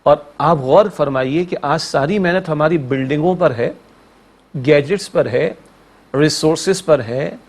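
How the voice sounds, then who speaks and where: Man preaching emphatically on a talk show. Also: a little high. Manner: emphatic, preachy, piles up rhetorical questions and repeated lists. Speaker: Islamic scholar guest. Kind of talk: religious TV talk show discussion.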